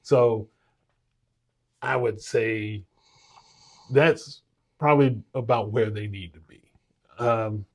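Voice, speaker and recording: Slow, hesitant man talking sports. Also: lowish voice, fairly even intonation. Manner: unhurried, hesitant with fillers. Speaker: podcast co-host ranking high school teams. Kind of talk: casual sports talk.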